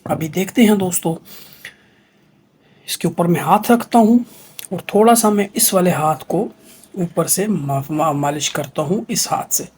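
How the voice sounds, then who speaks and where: A man with a Pakistani accent and a husky, high voice, presenting magic in a showy kids' party magician manner. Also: measured pace, darkish tone, a little hiss or hum. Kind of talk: magic show patter to viewers.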